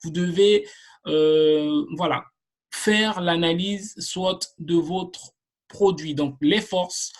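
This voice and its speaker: A woman teaching an online marketing course, explaining step by step in a deliberate way, often pausing on fillers and repeating herself. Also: on the low side. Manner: slow and deliberate, with frequent fillers and repetitions. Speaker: marketing instructor.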